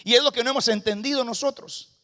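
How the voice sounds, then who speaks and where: Costa Rican male guest preacher, high pitch, call-and-response sermon in a church. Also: fairly even intonation, quick pace. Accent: Costa Rican Spanish. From Costa Rica. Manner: calls for congregation responses, shifts between loud and hushed. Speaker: guest pastor. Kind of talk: lively Spanish sermon. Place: church sanctuary.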